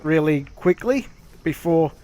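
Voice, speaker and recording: A man streaming a game, chatting casually and explaining things with swearing and halting pauses. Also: on the high side, animated, dark tone. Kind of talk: casual gameplay commentary and chat.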